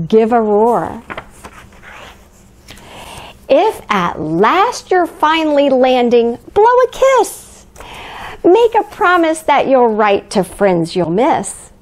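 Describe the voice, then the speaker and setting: A woman's voice: sits high, full character voice. A woman playing a cheerful, grandmotherly Mrs. Claus, reading a picture book aloud to young children in an exaggerated, sing-song way. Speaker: children's storyteller. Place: living room by a fireplace, indoors.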